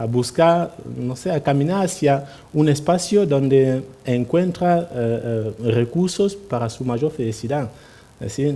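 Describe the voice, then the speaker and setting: A man's voice: medium pitch, mellow. A man speaking at a party assembly, telling anecdotes in a hesitant way, with many tag questions and restarts. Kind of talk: anecdotal public speech. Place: assembly hall.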